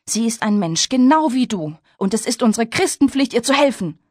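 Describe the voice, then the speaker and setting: A woman's voice: fairly high pitch, lively intonation, moderate pace, no room sound, clean studio sound, pitched above the performer's own voice. A woman reading a story aloud, voicing a brave, determined young farm wife in an urgent, raised voice.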